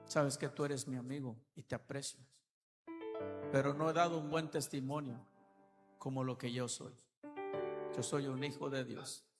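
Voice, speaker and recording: A middle-aged man preaching an impassioned sermon, swinging from soft pleading to loud cries. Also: mid-range voice, steady tone, normal speed, pauses often. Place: church hall. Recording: church reverb with keyboard music. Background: keyboard music.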